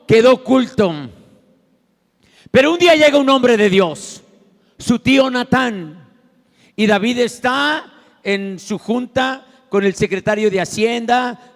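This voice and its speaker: A man with a Mexican Spanish accent preaching a sermon as pastor, telling a story dramatically and swinging from loud to hushed. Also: high voice, gravelly. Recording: long church hall reverb.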